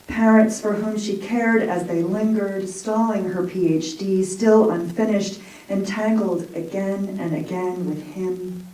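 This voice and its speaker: A woman's voice: medium pitch, dark tone. A woman poet and college English professor reading her poems, with casual, self-deprecating asides between them. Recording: roomy echo, mic far off.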